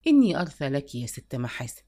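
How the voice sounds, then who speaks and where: A woman's voice: lowish voice, big pitch swings, fairly quick. A woman voicing a persistent male suitor in a read-aloud story, coaxing and insistent. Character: persistent middle-aged male suitor, smooth-talking.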